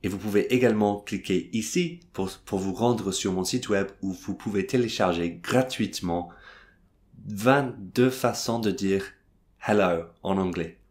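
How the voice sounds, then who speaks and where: A man's voice: fairly low pitch, measured pace, a little mellow. An Englishman speaking French as a second language, teaching English phrases in a hesitant way, with many fillers and restarts. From England. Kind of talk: video language lesson.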